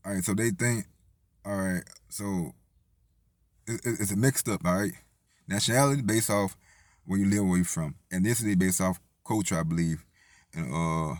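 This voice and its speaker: A man's voice: deep voice, dry recording. A man from Tennessee, talking in a rambling, profane casual monologue full of restarts. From Tennessee, USA. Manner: rambling, profane, lots of restarts and "you feel me". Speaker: vlogger.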